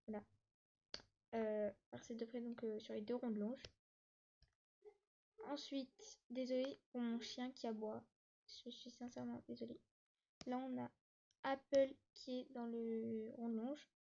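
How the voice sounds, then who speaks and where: A woman with a slightly high voice narrates a casual walkthrough of her game map. She hurries, stumbles on fillers and restarts, and sounds a little short of breath. The recording is dull and muffled, like a cheap mic. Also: little pitch movement, gravelly, mellow. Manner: hesitant, many fillers and restarts; talks fast, says she struggles to catch her breath. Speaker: YouTuber giving a tour of her game map. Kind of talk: casual gameplay tour narration.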